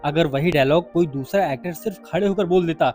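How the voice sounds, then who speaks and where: Male film reviewer, high voice, chatty and direct to camera, faint music underneath. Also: brisk, darkish tone. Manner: chatty, addresses viewers as brother and friend. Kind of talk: casual spoken film review.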